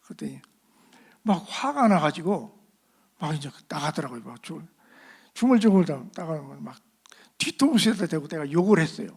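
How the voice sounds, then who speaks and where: A middle-aged man preaching, telling a personal testimony in a lively storytelling manner and acting out the voices of the people in it. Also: fairly high pitch, moderate pace, pauses often, slightly rough. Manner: animated storyteller acting out quoted voices, laughing at himself. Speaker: pastor. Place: church sanctuary.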